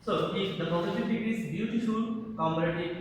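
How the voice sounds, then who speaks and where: A male teacher giving a grammar lesson, slow and deliberate in one language and quick in another, repeating key words for emphasis. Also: sits high. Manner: switches between slow deliberate English and fast explanation. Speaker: English teacher. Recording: echoey hall, far from mic, faint noise.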